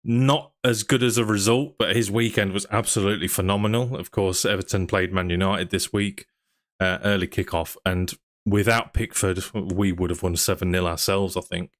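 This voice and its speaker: Chatty and relaxed, a young man hosts a football podcast where he reads viewers' comments and poses questions. He has a deep voice with fairly even intonation and a moderate pace.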